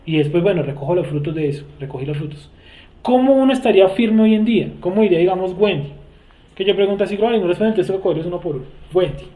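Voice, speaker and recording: High-voiced Bogotá man teaching a class. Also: fast talker, dark tone. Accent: Bogotá Colombian Spanish. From Colombia. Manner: conversational, checks understanding often, asks the class questions. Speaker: teacher leading a Bible study class. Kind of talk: informal religious teaching.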